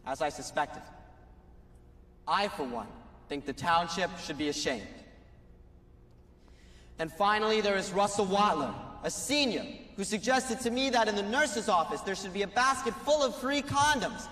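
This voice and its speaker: A man's voice: sits high, expressive, normal speed. An actor playing a stiff, formal young male student candidate who speaks earnestly and precisely in a film. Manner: formal, earnest, precise, builds to shouting in speech. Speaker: student candidate for school board. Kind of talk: film dialogue, campaign speech and debate prep. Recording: reverberant hall, faint noise.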